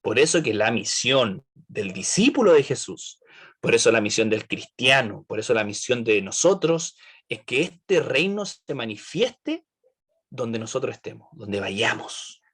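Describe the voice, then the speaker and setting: A man's voice: medium pitch, very animated, measured pace, fairly bright tone, slightly rough. A man leading an online Bible study, asking the group questions and checking in with "right?".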